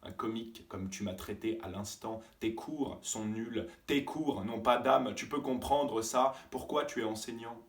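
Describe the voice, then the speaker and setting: A male stage actor delivering a theatrical monologue as a fiery young man with a strong voice, his tone moving between measured recall and angry outbursts. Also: mid-range voice, close to an everyday voice. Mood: furious. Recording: roomy stage sound from a distance.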